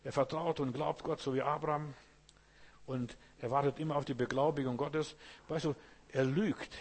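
A man's voice: fairly high pitch, fairly even intonation, normal speed, slightly rough. A man preaching a sermon, speaking directly to his listeners with frequent rhetorical questions. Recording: long hall reverb.

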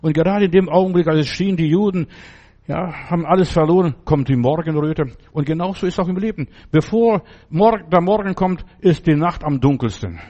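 A man's voice: a little high, fairly quick, dark tone. A man preaching a sermon in a blunt, insistent way, talking straight to the listener. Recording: dull lo-fi recording.

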